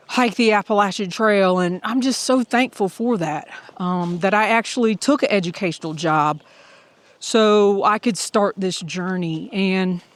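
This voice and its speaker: A middle-aged woman with a drawl records a vlog into her phone while out on a hiking trail. She talks slowly and from the heart, thinking aloud and sometimes catching her breath. The sound is close and dry, with no room around it. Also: medium pitch, no echo. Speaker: hiker vlogging as she walks. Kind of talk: casual audio vlog.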